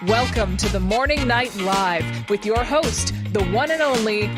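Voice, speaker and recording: Female announcer for a show opener, higher-pitched, scripted introduction over very loud music. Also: lively intonation, a little slow.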